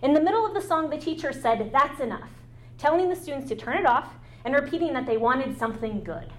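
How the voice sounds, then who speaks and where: This guest lecturer, a woman, speaks in an expressive, high-pitched voice during an academic talk. Part of it is read aloud, and she sometimes stalls with fillers and begins sentences again.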